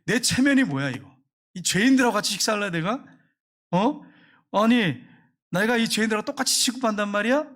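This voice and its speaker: A self-important male Pharisee, scornful and offended, his voice sitting high. He fires off his questions quickly, as a preacher acts him out in a sermon. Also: expressive, a bit bright. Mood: indignant. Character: proud indignant male Pharisee.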